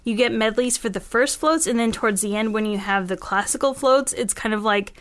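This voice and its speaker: Woman podcast host just chatting, voice a bit high. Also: a little fast, a bit bright. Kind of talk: casual chat.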